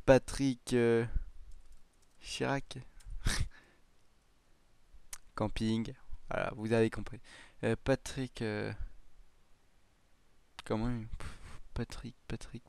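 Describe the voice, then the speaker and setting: With a medium-pitched, darkish, clean voice touched by vocal fry, a gaming YouTuber narrates a let's-play casually. He thinks out loud, mocks himself hesitantly, and laughs under his breath a lot.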